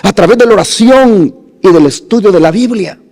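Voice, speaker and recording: A man preaching a sermon as pastor, slow and dramatic, rising to loud emphasis and dropping to hushed phrases. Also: sits high, animated, in a large hall.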